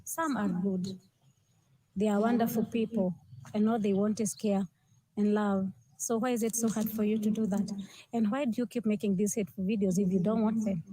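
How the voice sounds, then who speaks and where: A woman with an African accent speaks straight to camera in an opinion monologue, earnestly admonishing and pleading with her listeners. Her mid-range voice is mellow, with a steady tone and a moderate pace.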